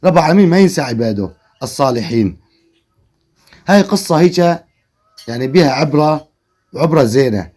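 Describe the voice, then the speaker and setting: A man's voice: a little high, expressive, a little fast, pauses often, a little mellow, breathy edge. A man telling a folksy story in an earnest, moralizing way. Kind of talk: spoken storytelling.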